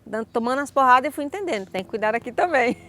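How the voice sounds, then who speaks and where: Racing along in a fairly high voice, a Brazilian Portuguese-accented woman gives an animated personal testimony of her life, acting out dialogue. The recording has a little hiss or hum.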